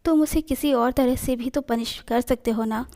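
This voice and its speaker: Woman reading as a calm big-brother type guy from a story, mellow voice. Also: a little high, normal speed, close to an everyday voice.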